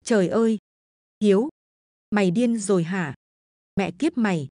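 A woman's voice: medium pitch, measured pace, no room sound, studio quality, lightly acted. A woman voicing a desperate young man who cries out in anguish at his friend's betrayal, in a horror story. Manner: shouting in anguish.

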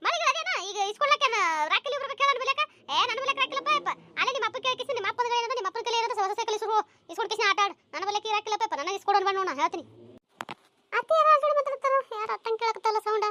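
A very high, squeaky cartoon voice that races along at a breakneck pace. It sounds bright and sharp and is recorded dry and close. The performer scolds and nags as a comic village family. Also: lively intonation, rapid-fire, slight background noise. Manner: scolding, nagging village chatter with crying whines.

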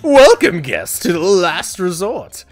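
A posh, sinister hotel owner woman as a man puts her on, pitched well above his own voice. She stretches her words out grandly and swoops through a lively, animated melody. The delivery is pure fancy-lady hospitality with a menacing edge. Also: dry recording, soft background music, full character voice. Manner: grand, drawn-out fancy speech.

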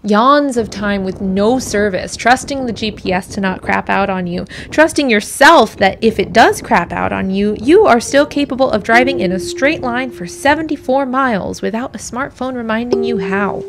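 A woman's voice: on the high side, moderate pace, hardly any pauses, noisy background. A woman narrating a reflective, scripted personal essay in a wistful, musing way, her voice sometimes sinking toward a whisper. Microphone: voice-over. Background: music.

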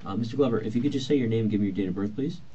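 A man's voice: lowish voice, rapid-fire, dark tone. A male police detective questioning someone in an interview room in a polite, procedural, reassuring way, heard on an old interrogation tape recording. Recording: muffled lo-fi interview-room recording with faint hiss.

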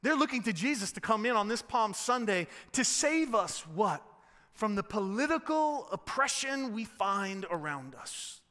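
A man pastor preaching a sermon, acting out cries of the crowd and dropping to soft, low tones for emphasis. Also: big pitch swings, unhurried, big-room sound. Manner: preaches with dramatic voiced prayers, then drops soft and low. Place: large church sanctuary.

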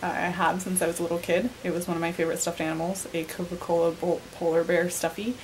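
A woman's voice: on the low side, flat delivery, fast, a little mellow, a little hiss or hum, poor audio. A young woman in her twenties chatting casually to a handheld camera in her bedroom, with plenty of "like" and "um". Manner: chatty, filler-heavy. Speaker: vlogger. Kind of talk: casual vlog chat. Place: bedroom at home. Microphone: handheld camera at arm's length.

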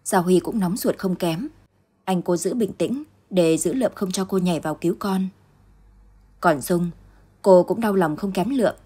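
A woman narrating a late-night short story in a steady, measured reading voice. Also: on the low side, slightly rough.

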